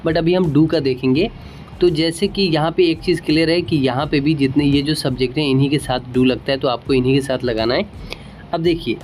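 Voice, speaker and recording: An Indian-accented man teaching a casual English lesson, with a voice pitched a little higher than usual. He explains patiently and slows down to repeat example sentences. A faint noise sits under the recording. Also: a little mellow.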